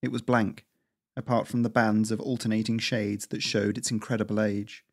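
A man's voice: on the low side, flat delivery, moderate pace, no room sound, clean studio sound. A man hosting a podcast and reading his own fantasy flash fiction aloud, with a hesitant, filler-heavy intro. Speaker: podcast host and author.

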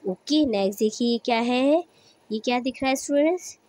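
A woman's voice: a little high, normal speed, a little mellow. A young woman teacher, patiently explaining a lesson step by step to young children and often checking in with them. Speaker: school teacher.

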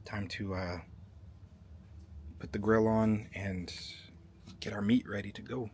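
Low-voiced man narrating a casual vlog. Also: slow pace, slight background noise. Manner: relaxed, chatty, with easy fillers. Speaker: vlogger. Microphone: handheld vlog camera.

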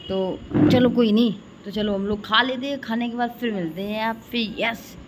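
A woman's voice: on the high side, normal speed. A young woman, chatting to viewers while she vlogs her arrival and her cooking in a hostel kitchen. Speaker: vlogger. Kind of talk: casual vlog narration. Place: hostel room and kitchen, indoors. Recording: noisy phone recording.

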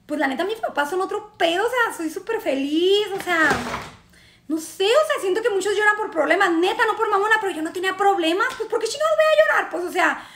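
A woman's voice: very high-pitched, lively intonation, brisk, fairly bright tone, a little hiss or hum. A young woman with a Mexican accent, telling a personal story in a casual, slangy live stream full of fillers. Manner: slangy, chatty, many fillers. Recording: echoey room.

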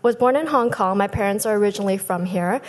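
A woman in her thirties, a business founder who grew up in Thailand, giving a lively prepared talk from a lectern on a conference stage. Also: mid-range voice, fast. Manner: lively, gestures with both hands, speaks from a lectern. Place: large conference hall stage. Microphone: lectern microphones. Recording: long hall reverb.

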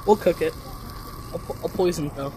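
A man's voice: a little high, fairly quick. Slangy young male gamer, noisy recording. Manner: slangy, joking. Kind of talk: casual gameplay commentary.

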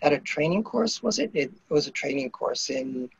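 A man from Japan, a native Japanese speaker, introducing himself as a panel guest over a video call, with many pauses and fillers. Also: on the high side, animated, gravelly, breathy edge, dry recording. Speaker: organ procurement director, panel guest. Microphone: computer mic on video call. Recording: dull lo-fi video call audio.

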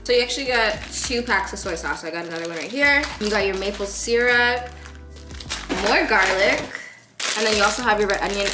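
A young woman in her twenties chatting casually to camera in her home kitchen, bubbly and talkative. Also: mid-range voice. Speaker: vlogger. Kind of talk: casual vlog chat. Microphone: handheld phone camera at arm's length. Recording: echoey kitchen with music behind.

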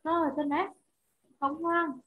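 A woman teaching English to children online, slowly repeating each word with careful enunciation. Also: sits high, flat delivery. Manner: slow repeated drilling of single words, clear enunciation. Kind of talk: online class drilling vocabulary. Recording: muffled lo-fi online call audio.

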